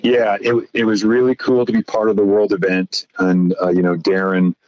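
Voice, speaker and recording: A man's voice: on the low side, little pitch movement, normal speed. A man guesting on a podcast, telling stories casually, rambling with lots of "you know" and "right?". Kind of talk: casual conversational storytelling. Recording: slightly dull lo-fi audio.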